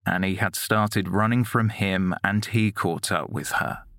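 A man reading a scripted true-crime narration in a measured, sober way. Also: low voice, steady tone, vocal fry, a bit bright, dry recording, clean studio sound.

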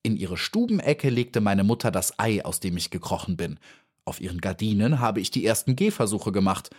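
A man's voice: big pitch swings, normal speed, darkish tone, husky. A man voicing a cheeky, boastful little female housefly in a storybook reading, cocky and dismissive. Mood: huffy, chatty. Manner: cocky and dismissive, then shrill and pleading.

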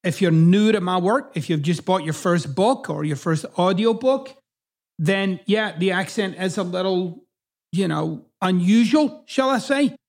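This podcast host, a middle-aged man from Scotland with a partly Americanized accent, speaks a little slowly in a high, expressive, darkish voice. His casual monologue is blunt and emphatic, packed with swearing.

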